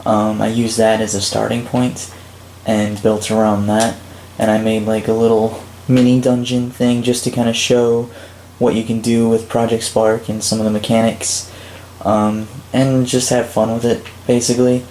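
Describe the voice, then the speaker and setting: A man's voice: lowish voice, moderate pace. A man casually narrating a gameplay walkthrough of a level he built, rambling with frequent fillers. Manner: relaxed, rambling, many "um"s and "like"s. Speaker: game creator and channel host. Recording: roomy with faint background noise.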